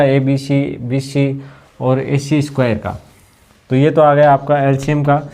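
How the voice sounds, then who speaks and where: Guy teaching exam maths step by step, keeps asking did you get it, medium pitch. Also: darkish tone. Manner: repetitive, asks the class if they understood; walks through each step with rhetorical questions. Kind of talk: exam-prep maths lesson.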